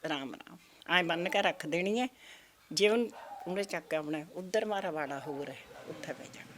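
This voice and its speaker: An older woman who tells lively, folksy stories in a casual chat. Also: fairly low pitch, normal speed, slight background noise. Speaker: village elder interviewee.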